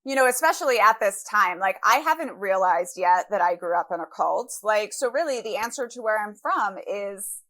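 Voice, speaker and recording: A woman's voice: mid-range voice, expressive, moderate pace, bright, forceful tone. A woman in her thirties from Brazil, a guest author talking candidly in a casual interview with frequent fillers. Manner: candid, reflective, many fillers.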